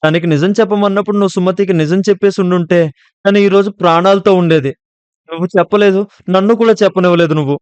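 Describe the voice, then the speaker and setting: A man voicing a frightened, angry young college woman who shouts accusations through her tears. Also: sits high, fairly even intonation, fast talker, clear, resonant tone, no echo, dull audio, voice pushed up, close to an everyday voice. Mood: scared, accusing.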